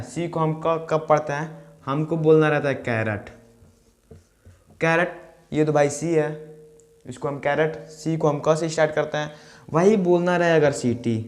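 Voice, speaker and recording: A man's voice: fairly high pitch, a little mellow. A man teaching beginners a grammar lesson, drilling rules with repeated questions and playful asides. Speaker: English tutor.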